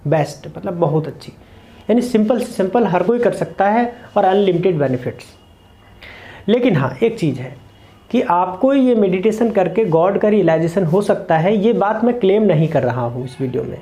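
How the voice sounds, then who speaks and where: Male meditation teacher, higher register and warm mellow tone, earnest and repetitive delivery to camera. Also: lively intonation, moderate pace. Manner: earnest, repeats points in short lists. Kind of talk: explanatory talk to camera. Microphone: camera mic, speaking to camera.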